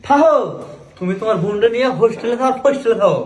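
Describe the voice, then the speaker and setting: A man's voice: extremely high pitch, very fast, darkish tone. A man acting a wheedling, shifty village husband in a drama, with a rural Bangladeshi accent. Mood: defensive. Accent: Bangladeshi rural dialect. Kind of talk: amateur short-film drama dialogue. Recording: echoey, distant, noisy room recording.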